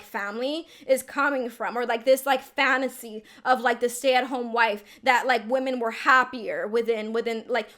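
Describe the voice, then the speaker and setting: A woman's voice: high-pitched, a bit bright. A young woman born in the Dominican Republic giving casual reaction commentary, chatty and full of "like" fillers. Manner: chatty, heavy use of "like" as filler. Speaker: video commentator.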